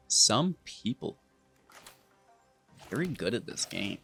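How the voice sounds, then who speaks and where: A man's voice: fairly low pitch, fairly bright tone. A man giving casual, playful commentary over his own card game, teasing his opponent as he plays. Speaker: gaming video host.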